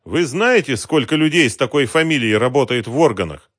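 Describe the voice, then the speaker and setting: A man's voice: a little high, normal speed, fairly bright tone, no echo, studio quality, pitched above the performer's own voice, close to an everyday voice. A man reading an audiobook voices an exhausted male computer operator who whines and snipes sarcastically. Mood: weary sarcastic. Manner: whining, sarcastic. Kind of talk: audiobook character voice.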